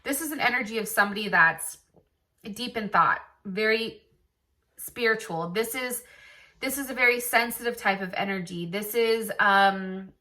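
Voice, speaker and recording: Bright-voiced, blunt woman reading tarot. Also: mid-range voice, moderate pace. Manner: chatty and blunt, with casual swearing; thinking aloud, full of "like" and "I feel like". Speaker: tarot reader.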